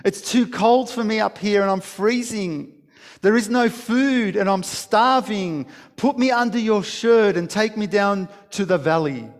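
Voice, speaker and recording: A cunning rattlesnake pleads and coaxes in a soft, menacing voice, as a man telling a story from the pulpit puts him on. The voice sits fairly high. A long echo trails behind it. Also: measured pace. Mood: pleading. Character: cunning persuasive male rattlesnake.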